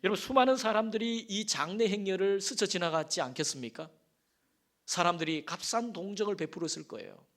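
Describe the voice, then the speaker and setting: Korean pastor preaching with rising emphasis. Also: male voice, high-pitched, brisk, a bit bright. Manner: emphatic preaching with swells in volume and rhetorical questions to the congregation; folksy storytelling with asides and affirming "yes". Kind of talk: sermon. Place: church sanctuary.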